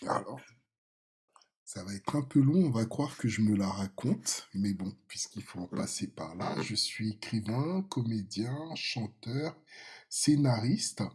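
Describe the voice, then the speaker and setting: A man in his fifties who grew up in France, answering interview questions in a halting way, with many fillers and restarts. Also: lowish voice, lively intonation, darkish tone, slightly rough. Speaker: podcast guest. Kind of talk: casual interview talk.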